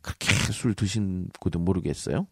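A man who is a professor and speech coach gives a lively, teasing talk full of rhetorical questions and puns. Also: low-pitched, brisk, a little hiss or hum. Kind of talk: lively talk-show lecture.

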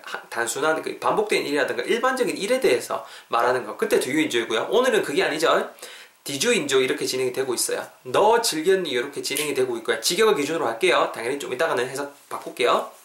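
A man hosting a podcast English lesson, lively and playful, drilling phrases over and over. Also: on the high side, quick pace, echoey room. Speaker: English teacher, podcast host.

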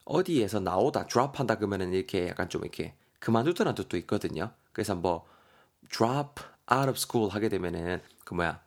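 A man's voice: lowish voice, expressive, normal speed. A man teaching English vocabulary on a podcast, friendly, spelling words letter by letter.

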